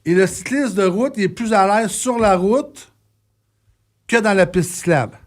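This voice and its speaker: A man's voice: sits high, a little slow. A man with a Québécois accent, a trucker co-hosting a podcast, talking emphatically and addressing his listener directly. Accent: Québécois French. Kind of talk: casual podcast discussion.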